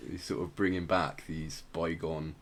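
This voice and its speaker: A podcast host with a very low voice gives an informal talk on music history, his delivery halting and restarting as he searches for the right word. He speaks a little slowly in a level, slightly bright tone. Clear background noise runs through the recording.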